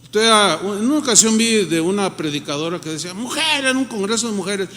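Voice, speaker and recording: A man's voice: high-pitched, expressive, brisk, sharp tone, big-room sound. A Mexican man, a pastor, preaching a sermon in a conversational way and acting out the people he quotes.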